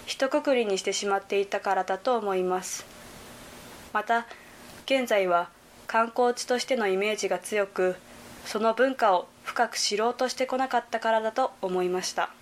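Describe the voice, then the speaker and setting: A woman's voice: mid-range voice, slight background noise. Young woman reading a report aloud. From Hyogo Prefecture, Japan. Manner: careful, measured reading. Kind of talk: scripted narration.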